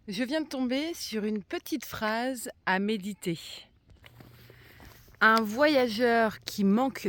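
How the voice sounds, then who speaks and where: A woman with a slight lisp musing aloud in a casual vlog, talking to herself and viewers as she walks outdoors. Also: medium pitch. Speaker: hiker vlogging her walk. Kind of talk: casual spoken vlog while walking. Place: outdoors on a country trail. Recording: clear background noise, outdoor walk.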